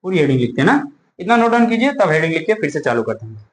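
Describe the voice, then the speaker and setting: A man from India teaching a class, slowly dictating notes and repeating words, asking questions and answering them himself. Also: a little high, sing-song, a little hiss or hum.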